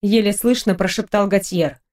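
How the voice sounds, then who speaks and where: A woman narrating an audiobook in an even, measured way. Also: medium pitch. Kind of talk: scripted narration.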